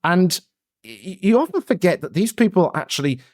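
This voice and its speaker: A man's voice: sits high, very animated, normal speed, a little mellow, no echo, studio quality. A man hosting a public relations podcast, moving from a scripted intro into chatty talk with fillers. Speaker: podcast host. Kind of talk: scripted podcast intro then casual chat.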